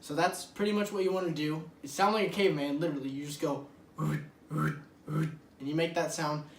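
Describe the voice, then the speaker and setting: A man talks through a casual how-to lesson in a loose, chatty way, with a fairly high voice. He sits some distance from the mic, so the room rings around him and a faint hiss of background noise stays underneath. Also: steady tone, fast, roomy sound. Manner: loose and chatty, leans on "like" and "literally". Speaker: host of a duck hunting channel.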